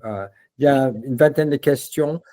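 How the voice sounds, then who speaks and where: Relaxed man with a mellow voice. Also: medium pitch, normal speed. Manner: relaxed, repeats words, many fillers. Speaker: language trainer demonstrating a learning platform. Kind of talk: casual software walkthrough.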